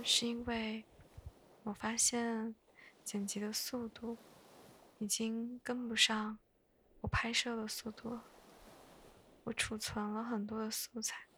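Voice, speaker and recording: A woman chatting in a soft, breathy whisper for bedtime listening, hushed and gently unhurried, close to the mic. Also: a little high, a little hiss or hum. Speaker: host of a bedtime podcast.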